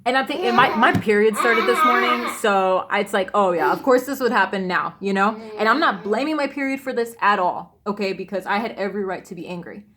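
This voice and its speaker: A woman's voice: mid-range voice, animated, a little fast, hardly any pauses, a crowd in the background. A young woman vlogger upset and rambling as she recounts a personal ordeal at home, full of restarts and fillers. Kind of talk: emotional personal storytelling.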